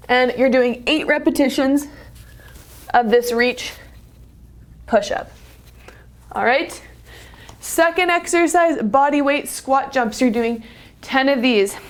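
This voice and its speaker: High-voiced woman coaching a workout. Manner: upbeat, cueing exercises while moving. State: out of breath. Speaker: fitness instructor. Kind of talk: workout demonstration.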